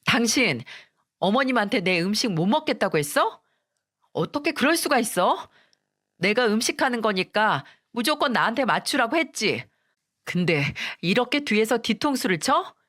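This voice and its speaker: A woman voicing a sharp-tongued young wife who snaps and accuses, in a scripted story reading. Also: a little high, big pitch swings, normal speed. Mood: indignant. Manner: snappy, accusing.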